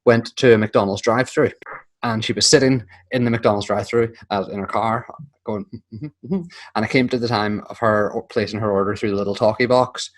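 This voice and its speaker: A man chats casually as a podcast co-host, his voice sitting a little low. He tells stories with plenty of swearing and jumps into the voices of the people in them. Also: fairly even intonation, a little fast. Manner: swears freely, acts out quoted voices. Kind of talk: casual chat.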